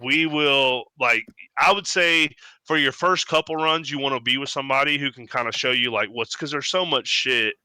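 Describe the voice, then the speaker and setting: A man's voice: medium pitch, normal speed, hardly any pauses, pushed and bright, smooth, no room sound, low-quality recording. A man co-hosting a podcast, talking casually and animatedly, swearing freely and mimicking other people's voices when he tells stories. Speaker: podcast co-host. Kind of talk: casual chat.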